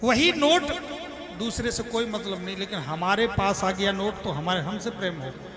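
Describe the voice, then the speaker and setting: A man preaching a devotional sermon, telling stories and acting out the cries and voices of their characters in an animated way. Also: high voice, normal speed. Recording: long hall reverb with music behind.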